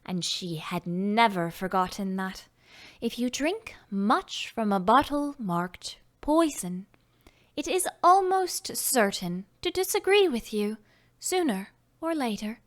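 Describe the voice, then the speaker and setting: A woman with a high voice narrates an audiobook slowly, telling the story gently and expressively and sometimes dropping to a whisper.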